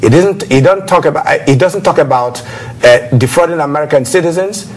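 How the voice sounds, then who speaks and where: A man hosting a TV talk show, speaking haltingly with many fillers. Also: a little high. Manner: hesitant, many filler sounds.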